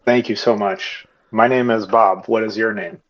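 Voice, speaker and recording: A flustered, apologetic novice balloonist, as a man puts him on at the table, asking politely who is in charge. The voice sits a little low. The audio is dull and lo-fi. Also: steady tone, normal speed, close to an everyday voice. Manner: polite, apologetic, eager to find the leader.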